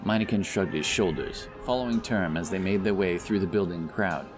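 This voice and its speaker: Over loud music and outdoor sound effects, a deep-voiced man tells a scripted fantasy audiobook as its storyteller. His delivery runs a little fast.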